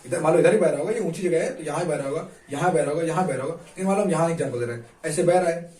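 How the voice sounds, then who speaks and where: A man's voice: on the high side, racing, warm tone. A man teaching a casual map lesson, asking his students questions over and over and answering them himself. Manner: repetitive quiz-style questioning. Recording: echoey room, distant mic, faint noise.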